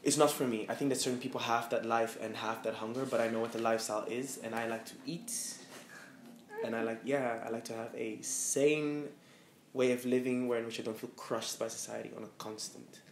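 In a room with a live audience, a thirtysomething fashion stylist from Amsterdam, Netherlands, talks briskly in a steady, medium-pitched voice. As a guest, he's candid and reflective, with plenty of fillers. The sound is roomy, with faint noise.

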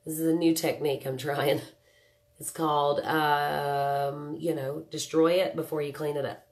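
Low-pitched and flat, her measured delivery carries the nasal sound of a cold. She's a woman in her thirties hosting a makeup livestream from a small home room, casually chatting through the tutorial, joking and greeting viewers by name.

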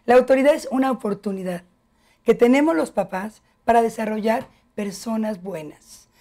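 A woman's voice: on the high side, moderate pace. A middle-aged woman, a family education expert, explaining patiently as a guest on a TV talk show. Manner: warm, didactic, addresses host by name.

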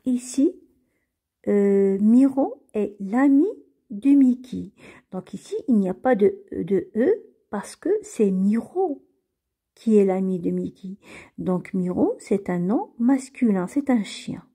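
Slow, dark-voiced woman teaching French. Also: medium pitch, lively intonation, breathy edge. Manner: patient, repeats and spells out words. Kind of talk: slow reading lesson for beginners.

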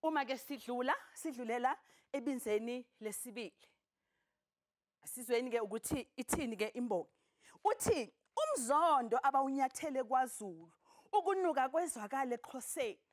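A middle-aged South African woman teaching a poetry lesson, speaking in an emphatic, expressive, declamatory way. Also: high voice, brisk. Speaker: television teacher. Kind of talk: poetry lesson, reading and explaining. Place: television studio, indoors.

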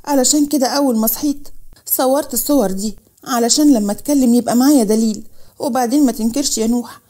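A woman's voice: high voice, warm tone. A woman voicing a scheming young college student with an Egyptian accent, pleading and insistent. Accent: Egyptian Arabic.

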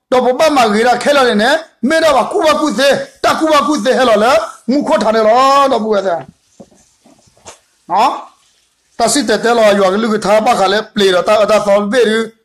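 A man's voice: extremely high pitch, fairly bright tone. A man giving a Bible study talk, retelling a story in a rambling, repetitive way with many fillers.

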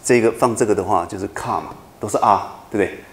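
A man's voice: fairly low pitch, quick pace, echoey room. A man lecturing a university class, explaining patiently and often checking whether students follow. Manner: patient, repetitive explaining with frequent checking questions.

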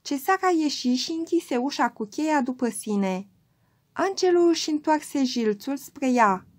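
A woman narrating a classic story in a gentle, lyrical, expressive reading. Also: high-pitched. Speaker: audiobook reader.

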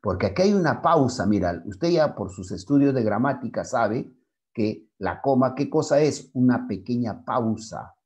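A male secondary school literature teacher giving a class, explaining poetry and reciting verses with deliberate pauses, often checking in with his students. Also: mid-range voice. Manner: slow, lively delivery with frequent "¿ya?" and "¿ok?" check-ins.

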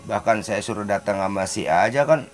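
A man's voice: fairly quick, faint music behind. A man casually telling of his past, his voice jumping up at the tense parts. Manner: animated, pitch jumps up when telling the fight. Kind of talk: casual storytelling.

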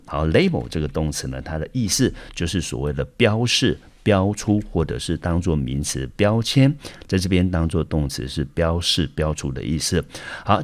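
A man with a Taiwanese Mandarin accent, an English teacher explaining a vocabulary lesson step by step, often starting sentences with a filler. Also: low voice. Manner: steady explanatory, frequent "好" fillers.

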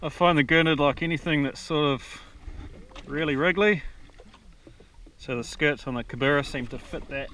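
A man in his thirties from New Zealand, calmly explaining his fishing setup while out on a jet ski, recorded on an action camera. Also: a little high, moderate pace, long pauses. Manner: relaxed, explanatory, practical. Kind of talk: casual how-to narration. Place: on a jet ski out on open water. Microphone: action camera mounted on the craft. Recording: windy outdoor action-camera audio. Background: wind and water noise.

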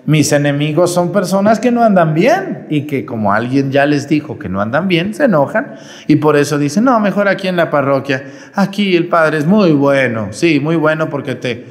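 A priest giving a homily in a lively, conversational way, his voice swinging up and down as he addresses the congregation. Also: medium pitch, in a large hall. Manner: lively, conversational preaching with sudden rises and drops.

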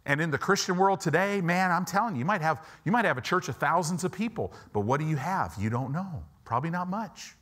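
An American pastor in his fifties, with roots in Chicago and Southern California, preaches a conversational sermon from a church auditorium stage indoors, emphatically repeating phrases to drive points home. His voice is a little high and a bit bright, with lively intonation and a slightly fast pace with few pauses. He's miked with a lapel mic.

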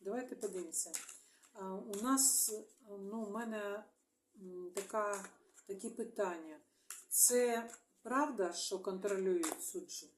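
Ukrainian tarot lady talking to herself on video, lots of pauses and mm-hms, mid pitch, echoey room. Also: a little hiss or hum. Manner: halting, thinking aloud, mumbled agreements. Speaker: tarot reader. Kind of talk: solo video monologue.

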